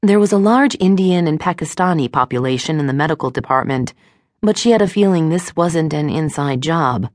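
A woman narrating an audiobook in a measured storytelling manner. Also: low-pitched, lively intonation, dry recording, studio quality. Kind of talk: scripted narration. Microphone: studio microphone.

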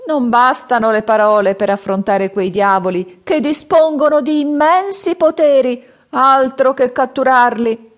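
A woman voicing an old man with a staff who warns and boasts, with high, drawn-out cries. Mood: mocking.

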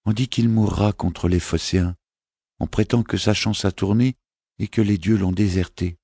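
A worried little boy prince, as a male audiobook narrator puts him on, asking soft, pleading questions. His voice is lifted well above the narrator's own low register. The room around him is dry and close. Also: fairly even intonation, normal speed, breathy edge, dry recording. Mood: anxious. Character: young boy prince, anxious and earnest.

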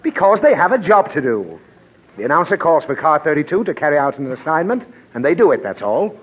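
In a 1940s radio comedy, an actor plays an exasperated middle-aged father who blusters, lectures his child, and gets flustered easily. His fairly high voice swings widely in pitch, moving a little fast with a breathy edge. The old broadcast sounds dull, with a faint hiss.

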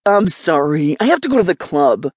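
A woman voicing an excited, upbeat young man who loves to party, in an audiobook. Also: sits low, normal speed, slightly rough, no echo, studio quality, exaggerated voice. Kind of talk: audiobook character voice.

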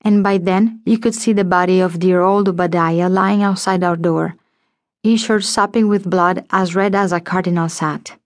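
A woman reading an audiobook in the first person, measured and intimate, as if telling her own child the story. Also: on the low side, fairly even intonation, no echo, studio quality. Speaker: audiobook narrator.

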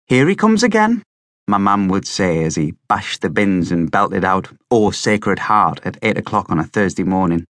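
A man narrating an audiobook in a plain, steady storytelling way. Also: deep voice, normal speed, hardly any pauses, dry recording, studio quality.

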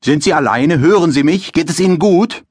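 Male reader plays a brisk, loud policeman, voice raised in pitch, matter-of-fact, audiobook scene. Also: expressive, slightly rough, no echo, clean studio sound.

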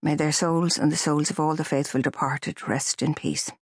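A woman voicing an earnest young woman tourist who speaks in a high, emotional way. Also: steady tone, moderate pace, husky, dry recording, studio quality. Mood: defensive.

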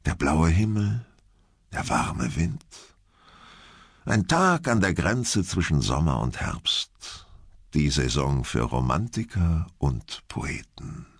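Low gravelly male audiobook narrator. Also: very animated, slow, no room sound, studio quality. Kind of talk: scripted narration.

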